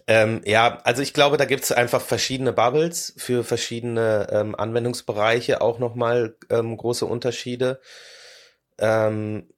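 A man talking as a podcast guest in a relaxed, thoughtful way, pausing often with filler sounds. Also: medium pitch. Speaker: guest, 3D illustrator. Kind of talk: casual podcast conversation.

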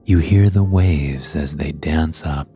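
A man narrating a scripted sleep story as a guide, in a calm, hushed and soothing manner. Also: very deep voice. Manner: calm, hushed, unhurried guiding delivery. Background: soft music.

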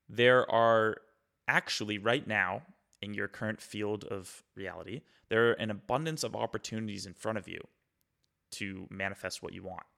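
Young male host, gravelly and lowish, casual motivational talk full of fillers. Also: pushed and bright. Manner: loose, reflective, many fillers and restarts. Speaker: podcast host.

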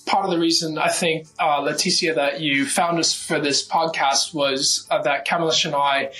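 A man's voice: fairly high pitch, steady tone, normal speed, pushed and bright, soft background music, rough recording. A man giving careful, methodical explanations as a guest in a podcast interview, with frequent "uh" fillers. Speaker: guest legal researcher.

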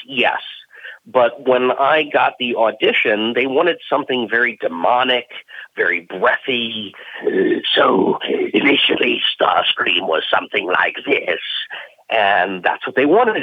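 A man from Maryland, a voice actor, chatting eagerly as an interview guest and telling animated stories about his work. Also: mid-range voice, dry recording. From Maryland, USA. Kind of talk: casual interview talk. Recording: dry, slightly dull lo-fi audio.

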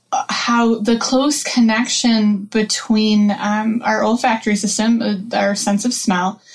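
A woman with an ordinary mid-range voice chats casually about wellness. She talks in loose, meandering sentences and often restarts her phrasing. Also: mid-range voice.

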